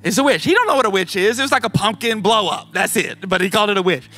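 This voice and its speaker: A youth pastor in his thirties telling a chatty, animated story in a sermon to young people, full of fillers and asides. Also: high-pitched, fast talker, soft background music. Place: youth service.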